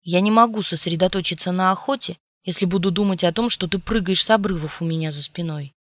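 A woman's voice: fairly low pitch, fast talker, fairly bright tone, dry recording, clean studio sound, natural voice. Woman reading as an urgent, worried young man. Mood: scolding. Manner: urgent, pleading, then scolding. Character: worried young male friend, protective.

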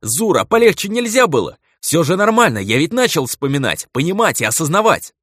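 A man's voice: a little high, very animated, quick pace, fairly bright tone, no echo, studio quality, voice pushed up. A man voicing a hotheaded young male adventurer who complains in a strained, raised voice. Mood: pained.

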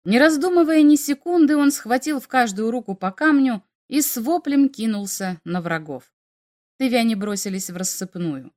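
A woman narrating a story aloud in a lively, animated way. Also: fairly high pitch, moderate pace. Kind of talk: expressive storytelling.

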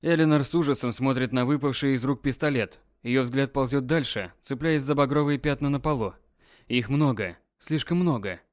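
A man narrating an audiobook in an even, dramatic storytelling manner. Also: mid-range voice, moderate pace, no room sound, clean studio sound.

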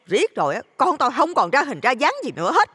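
A man voicing a shrill, brawling middle-aged mother who shouts insults, with a Southern Vietnamese accent. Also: big pitch swings, a little fast, husky, in a large hall, exaggerated voice. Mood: accusing.

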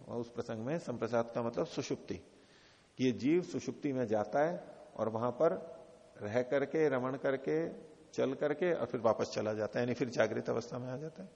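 Gravelly Indian man teaching scripture. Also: medium pitch, darkish tone. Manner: explains slowly, chants Sanskrit quotes, asks and answers his own questions. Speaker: Vedanta teacher. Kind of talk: scripture lecture. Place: ashram lecture hall. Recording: dull lo-fi audio, long hall reverb.

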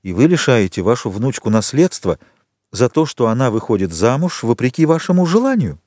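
A formal, precise notary speaks in measured phrases, as a male audiobook reader plays him. His delivery has lively rises. The recording is dry and close. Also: mid-range voice, no echo.

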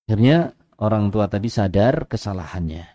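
A male preacher tells a story to a mosque gathering. He pauses and repeats words as he goes, then pitches his voice up to act out the people in the tale. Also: expressive, dark tone. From Indonesia. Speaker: ustadz giving a weekly mosque study. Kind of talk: sermon storytelling.

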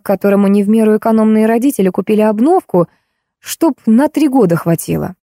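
A woman's voice: medium pitch, dark tone, no echo, studio quality. A woman narrating a story in the first person with a wry, ironic delivery. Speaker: audiobook narrator.

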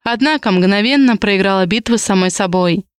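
A woman narrating an audiobook in an even, measured reading style. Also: medium pitch, clean tone, no room sound, studio quality.

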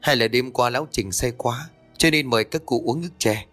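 A jittery young villager from a spoken ghost tale, anxious and full of questions, as a male narrator plays him. The voice sits at a middling pitch, with faint music behind. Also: a little fast, a bit bright, lightly acted. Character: nervous young village man.

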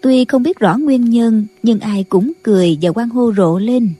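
A woman narrating a martial-arts audiobook in a measured storytelling manner. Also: on the high side, warm tone, husky. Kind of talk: scripted narration.

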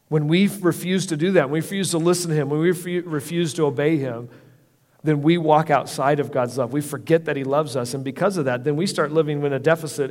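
Earnest pastor preaching in a reverberant hall. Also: male voice, medium pitch, darkish tone. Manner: earnest, conversational preaching with frequent restarts. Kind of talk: sermon. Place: church hall. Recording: long reverb of a church hall.

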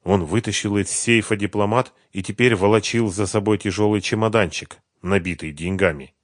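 A man narrating an audiobook in an even, measured reading. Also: on the low side, no room sound, clean studio sound. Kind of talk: scripted narration of a thriller novel.

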